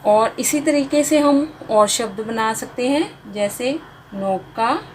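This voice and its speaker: Very slow, patient woman teaching spelling. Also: a little high, darkish tone, slight background noise, low-quality recording. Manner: slow, drawn-out spelling, stretching each finished word. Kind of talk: slow Hindi spelling lesson for beginners.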